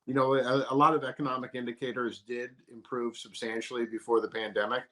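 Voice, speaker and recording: A male author answers interview questions in a measured, hesitant way. He often repeats a word before finishing a thought, and his voice sits at a middle pitch. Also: flat delivery, a bit bright. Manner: measured, hesitant, many fillers. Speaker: author guest.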